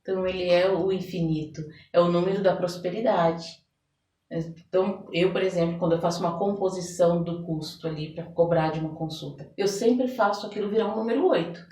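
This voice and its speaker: With a fairly low, dark voice and a slightly fast pace, a Brazilian interviewee talks through her coaching work conversationally, regularly seeking agreement. The audio has a roomy echo, and she sounds distant from the microphone.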